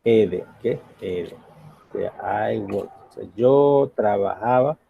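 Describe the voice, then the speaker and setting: A male teacher with a low, gravelly voice that turns husky, walking a class through grammar and pausing to check they follow. The sound is dull and lo-fi. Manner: patient, checks in with frequent "ok?" questions. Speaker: English teacher.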